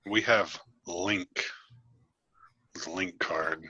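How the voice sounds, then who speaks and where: A man from Illinois co-hosting a podcast, chatting casually with laid-back deadpan jokes. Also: low-pitched, very slow, slightly rough, dry recording, highs cut off. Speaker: podcast co-host. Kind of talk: casual chat.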